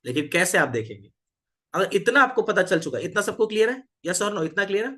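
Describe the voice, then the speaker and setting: Guy teaching physics, kinda high pitched, keeps asking the kids stuff. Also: very animated, a little fast, fairly bright tone. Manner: switches between Hindi, English and Marathi, asks the class questions. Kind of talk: classroom physics lesson.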